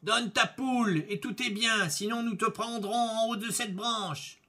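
A man voicing a band of menacing highway robbers in a fairy tale, jeering and laughing as they threaten. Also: measured pace, pushed and bright, exaggerated voice.

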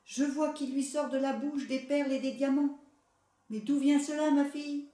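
A woman reading aloud and voicing a greedy, excitable mother in a fairy tale, exclaiming and scolding. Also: high-pitched, moderate pace, pitched above the performer's own voice, lightly acted. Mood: astonished. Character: shrill astonished greedy mother, middle-aged woman. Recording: echoey room, voice far from mic.

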